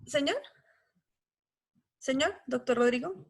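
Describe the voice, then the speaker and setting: A woman's voice: high-pitched, slow. A woman teaching a law class, explaining patiently and often checking whether students follow. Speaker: law lecturer.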